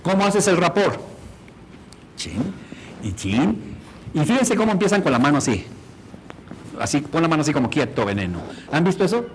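A man's voice: fairly high pitch, animated, fast talker, a little hiss or hum, poor audio. A man teaching a workshop on rapport, demonstrating and often asking the audience questions. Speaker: instructor.

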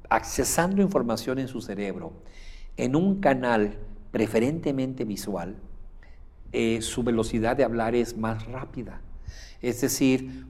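A man giving an instructional lecture, often pausing on "eh" and demonstrating faster or slower, higher or deeper speech as he teaches. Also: a little mellow. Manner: demonstrates pace and pitch changes while teaching, with frequent "eh" fillers.

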